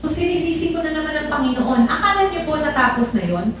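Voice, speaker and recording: A woman's voice: sits high, lively intonation, fast talker, background noise. A woman giving her personal testimony in church, talking conversationally to the congregation and asking them rhetorical questions. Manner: conversational, code-switching, addresses audience with rhetorical questions. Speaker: testimony speaker. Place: large church hall. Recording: echoey hall from far off.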